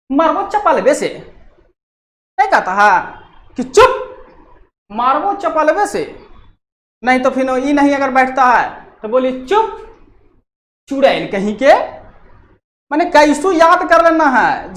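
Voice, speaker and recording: A woman's voice: a little high, fairly bright tone. A woman teacher, giving a chatty exam-prep lesson built on memory tricks and playful scolding quips. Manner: chatty, switching between explaining and acted scolding quips. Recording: echoey room with faint noise.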